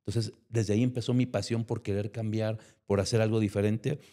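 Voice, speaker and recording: A man's voice: fairly low pitch, little pitch movement, a little fast, mellow. A man with a Mexican accent, a guest giving an emotional personal testimony and acting out remembered conversations. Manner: emotional storytelling, acts out remembered dialogue.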